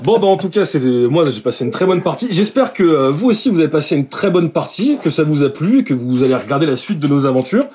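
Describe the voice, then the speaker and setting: A man's voice: a little high, very animated, quick pace, hardly any pauses, a little mellow. A young man narrating as game master of a tabletop role-playing game, hesitant with many fillers.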